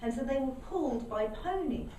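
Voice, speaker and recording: A woman telling a local folk story aloud to a live audience, in a lively, animated way. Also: sits high, moderate pace. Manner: lively, animated, voices characters. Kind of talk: live oral storytelling performance. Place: indoor storytelling venue. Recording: echoey room, mic far off, faint background noise.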